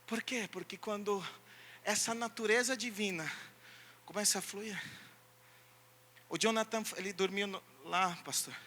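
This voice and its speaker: A pastor preaches with a very high, bright voice. He moves between emphatic calls and quiet asides. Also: unhurried, pauses often, a little hiss or hum. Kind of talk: sermon.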